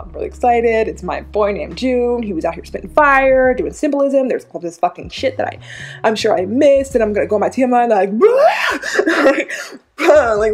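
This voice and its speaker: An excitable woman talking into her camera at home, rambling with lots of "like" and "you know". She laughs, swears freely and gushes over what she just watched. Faint music plays quietly behind her. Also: medium pitch. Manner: gushing, swears freely, laughs often, filler-heavy. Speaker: reaction vlogger. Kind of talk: excited reaction vlog. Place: home room.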